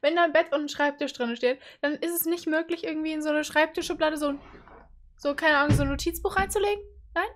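A young woman reacting to a story video, chatting casually and sarcastically. Her voice is notably high. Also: fast talker. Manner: sarcastic, talks back to the story.

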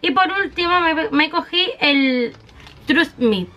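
A high-voiced woman from walks her viewers through a makeup haul, chatty and affectionate, piling on little diminutives as she shows each item. Faint music plays softly behind her. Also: animated, slow pace, dull audio. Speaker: beauty vlogger.

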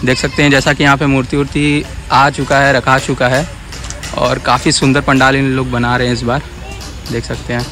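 A young man narrates a vlog walkthrough of an outdoor sports field in a city, speaking in a Varanasi Hindi accent and chatting as he points things out. Filmed on a phone held at arm's length, his mid-range, slightly bright voice moves little in pitch at normal speed, with faint music behind.

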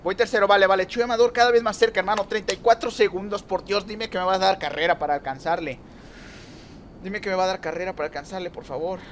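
A young man giving lively gameplay commentary, talking to viewers and teasing rivals. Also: sits high, quick pace, a little hiss or hum. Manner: excitable, talks to viewers and rivals, trash-talks. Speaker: gaming youtuber.

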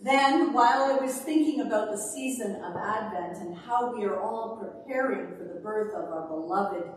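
A middle-aged woman minister reading scripture and preaching at a pulpit in a large church sanctuary, with measured, emphatic phrasing. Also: mid-range voice, a little hiss or hum. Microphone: far camera, speaking at a pulpit. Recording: echoey church from a distance.

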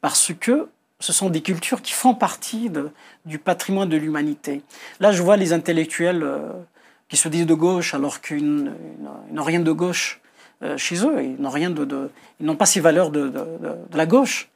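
In an indoor TV studio, a middle-aged Kabyle-speaking Algerian man explains his views as an author. His voice is fairly high and slightly rough with vocal fry, and he talks at a normal speed, hesitantly repeating words and stressing key points.

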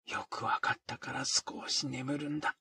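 A man as a gentle young doctor. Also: medium pitch, flat delivery, moderate pace, creaky, breathy edge, no echo, clean studio sound, full character voice. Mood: soothing. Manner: gentle, soothing. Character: calm young male doctor at a sickbed.

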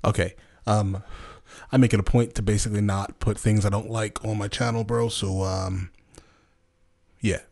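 A man's voice: fairly low pitch, level tone, normal speed, gravelly, pauses often, darkish tone. A middle-aged man in a small home studio, giving brief, laid-back commentary into a close studio mic. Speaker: reaction video host. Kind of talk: casual commentary over a video. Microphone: studio mic close up, headphones on.

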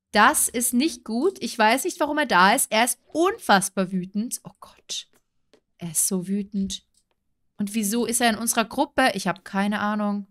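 A woman's voice: a little high, a bit bright. A young woman chatting casually as she narrates her own game play, often breaking into surprised exclamations. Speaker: let's play host. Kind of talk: casual let's play commentary.

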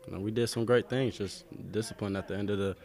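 A young man and college basketball player answering press questions at a desk mic, halting with many fillers and subdued. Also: on the low side, fairly even intonation, crowd noise. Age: young adult. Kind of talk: postgame press conference answers. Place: press room with sponsor backdrop, indoors.

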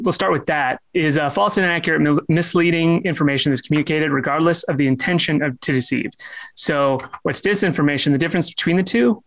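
A young man giving a casual online presentation, halting, with many fillers and restarts, and joking about himself. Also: on the high side, a bit bright. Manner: self-deprecating humor.

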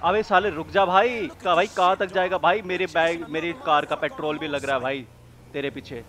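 A young man giving casual gameplay commentary at home, excitable and prone to shouty bursts, swearing playfully and calling everyone bro. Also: a little high, normal speed. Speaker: gaming channel host. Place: home room with a cooler running.

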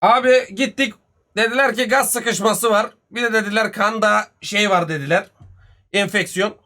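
A man, telling a story casually on a live stream, animated and full of swearing and reported speech. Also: high voice, normal speed. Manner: profane, animated retelling with much reported speech.

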